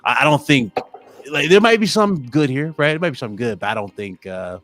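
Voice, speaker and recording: A man's voice: mid-range voice, expressive, brisk, fairly bright tone, faint music behind. A man on a casual livestream panel, talking hesitantly and hedging his views. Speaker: guest panelist.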